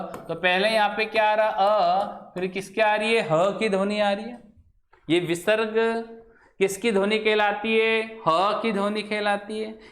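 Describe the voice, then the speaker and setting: A man's voice: high voice, fairly bright tone. A man teaching a grammar lesson to a class. He keeps asking questions and then answering them himself. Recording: echoey room.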